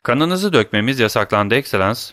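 A man voicing a calm, curt bandit chief in an audiobook. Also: mid-range voice, no echo, studio quality, natural voice. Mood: cool. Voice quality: cool, unhurried, curt.

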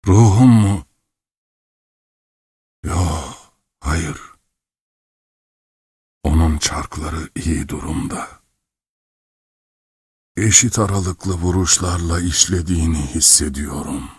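A man's voice: sits low, slow, pauses often, a little mellow, breathy edge, dry recording, clean studio sound, exaggerated voice. A man voicing a dazed, obsessed old clockmaker who speaks in a hollow, dreamy way.

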